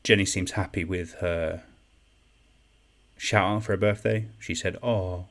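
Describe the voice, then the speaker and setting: A man's voice: sits low, fairly even intonation, measured pace, fairly bright tone. A young man hosting an online quiz in a chatty, self-deprecating way, reading out comments and repeating each question. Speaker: quiz host. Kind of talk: casual live-stream quiz hosting.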